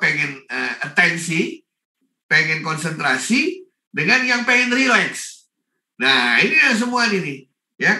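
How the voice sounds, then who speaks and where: An animated man from Indonesia speaks at an online education forum, his voice bright and cutting, a little raised. He sounds off-mic in an echoey room over a video call, and he slips English phrases into his talk. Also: a little high, distant mic. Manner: animated, mixes English phrases, greets people by name. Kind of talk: lively online seminar talk.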